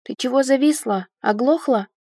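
A woman's voice: high voice, moderate pace, mellow, no echo, studio quality. A woman reading the lines of a smirking, mocking woman at a clinic desk who speaks in a wry, teasing way.

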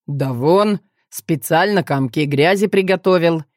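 A woman voicing a blunt, cheerful young male athlete who teases in a deadpan, rough way. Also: fairly low pitch, measured pace, no echo, clean studio sound, natural voice. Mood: teasing.

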